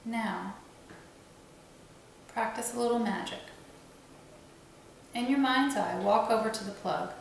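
A woman slowly and soothingly guiding a breathing and visualization meditation. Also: a little high, gravelly, slight background noise. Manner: slow, soothing, gently instructive. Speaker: meditation guide. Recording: very echoey room, faint ambience.

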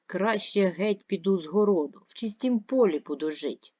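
A woman's voice: mid-range voice, moderate pace, darkish tone, dry recording, close to an everyday voice. A woman voicing a boastful wind spirit. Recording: dull lo-fi dry recording.

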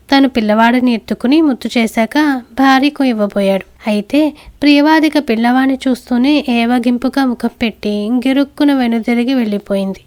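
Gentle woman reading a bedtime story. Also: fairly high pitch. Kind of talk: calm scripted bedtime story narration.

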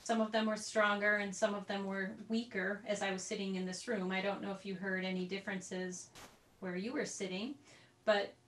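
A woman leads a group recorder class over video, speaking at a moderate pace with a flat delivery and a medium-pitched, fairly bright voice. Her explanations are chatty and sprinkled with asides. The sound is roomy because she's well away from her computer mic.

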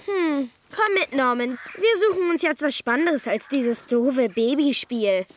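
A woman's voice: sits high, lively intonation, measured pace. A woman voicing an earnest, indignant little boy in a children's cartoon. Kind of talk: German cartoon dubbing.

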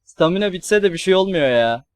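A young man streaming a horror game, swearing and yelling at the enemies on screen. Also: high-pitched, expressive, brisk, clean tone, dry recording, studio quality. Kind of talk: let's play commentary.

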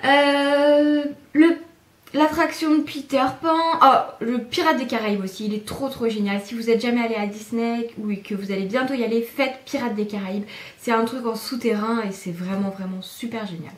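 Enthusiastic woman vlogger, chatty, lots of "euh", slightly high voice, echoey room. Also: fairly quick, distant mic. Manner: enthusiastic, chatty, many fillers. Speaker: YouTuber showing a haul. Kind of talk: casual chat to camera.

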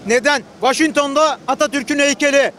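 A very high-pitched man caught up in a heated argument outdoors on a city street. He keeps hammering his point with rhetorical questions and demands, speaking into a handheld interview mic. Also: brisk, pushed and bright, slight background noise. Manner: combative, fires repeated rhetorical questions. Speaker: passerby interviewee.

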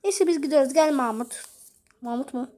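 A YouTuber woman with a warm, high-sitting voice voices every character in a homemade episode. Her banter is casual and playful, switching quickly between voices.

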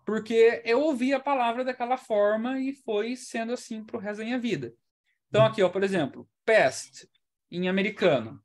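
In an online English class, a male teacher explains things in a chatty way with a high voice and a slightly fast pace. He checks in often with students, ending his points with "tá?".

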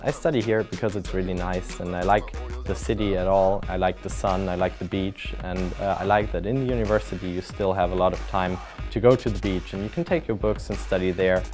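A young man with a rather low voice praises student life in an easy, enthusiastic tone. Faint music plays behind him. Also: steady tone, a little fast, few pauses, a little mellow. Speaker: medical student. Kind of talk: promotional testimonial to camera. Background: faint background music.

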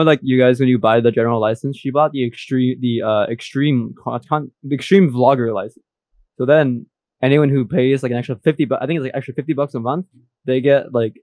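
A man's voice: mid-range voice, a little mellow, dry recording. A young man co-hosting a casual podcast, teasing his co-host with mock rants and laughing often.

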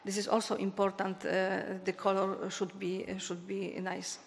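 Flat-voiced woman in an echoing hall. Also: mid-range voice, a little slow. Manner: hesitant, many fillers, non-native phrasing. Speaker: eye surgeon speaker. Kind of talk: panel discussion answers. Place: large conference hall stage at a podium. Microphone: podium microphone. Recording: long hall reverb, faint noise.

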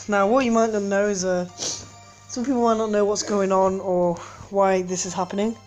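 A woman's voice: mid-range voice, unhurried, darkish tone, soft background music. A woman hosting a game channel, giving casual gameplay commentary indoors at home, rambling with frequent hesitations and self-corrections. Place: indoors at home, street outside.

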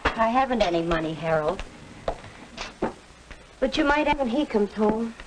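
A woman's voice: a little high, lively intonation, moderate pace, close to an everyday voice. A woman playing an earnest, orderly middle-aged American mother in a 1940s educational film. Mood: apologetic. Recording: noisy vintage film soundtrack.

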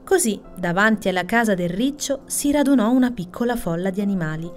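Calm woman reading a bedtime story. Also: mid-range voice, brisk, soft background music. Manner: soft, calm storybook narration.

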